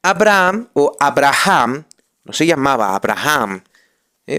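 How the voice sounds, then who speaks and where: Male friar lecturing on catechism, slow deliberate delivery, smooth clear voice, emphatic repetition. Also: medium pitch, fairly bright tone. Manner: emphatic, repeats phrases, leans on key words.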